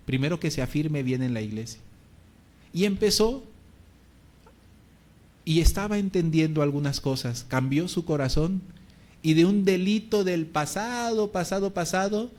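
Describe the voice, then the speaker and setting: A Mexican pastor in his sermon, telling a story in plain everyday words with animated, storytelling energy. His voice sits a little above the usual for a man. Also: on the high side. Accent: Mexican Spanish. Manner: lively storytelling with colloquial words.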